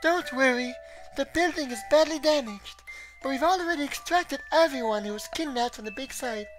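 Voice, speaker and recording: A streamer voicing a loud, exuberant young man in a visual novel, calling out in a shouty, overexcited way. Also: high voice, normal speed, music in the background, pitched above the performer's own voice, natural voice. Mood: excited.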